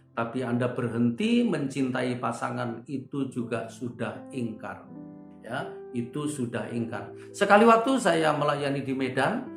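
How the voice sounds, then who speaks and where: Older male preacher, jokey storyteller, roomy hall with faint guitar. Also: mid-range voice. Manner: humorous storyteller acting out dialogue. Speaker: pastor. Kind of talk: sermon with personal anecdotes. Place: church. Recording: echoey church hall. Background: soft guitar music.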